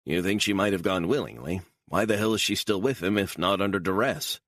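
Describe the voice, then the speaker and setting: A man's voice: sits low, fairly quick, fairly bright tone, dry recording, voice pushed up. A man voicing an impatient intelligence chief who presses for answers. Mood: demanding. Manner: demanding, pressing.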